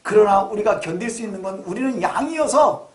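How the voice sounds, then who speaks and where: A middle-aged male pastor preaches with a very high voice, talking to his congregation in a conversational way and asking rhetorical questions. His voice rings through a roomy church sanctuary. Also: lively intonation, fairly quick. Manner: conversational, asks rhetorical questions, acts out quotes. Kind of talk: Sunday sermon. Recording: echoey church hall.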